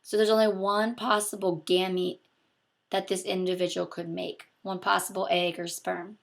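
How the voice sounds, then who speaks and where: A woman's voice: lowish voice, little pitch movement, moderate pace, creaky. A young adult woman with a sore, throaty voice, patiently explaining step by step in a recorded video lesson. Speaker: biology teacher. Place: small home room with a window, indoors.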